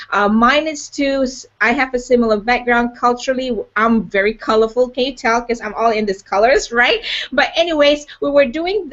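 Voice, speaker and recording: Woman host, higher voice, upbeat and chatty, dull lo-fi video call sound. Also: fairly bright tone. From Malaysia. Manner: upbeat, chatty, many "you know" fillers. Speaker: host of a live online show. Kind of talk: live webcast chat.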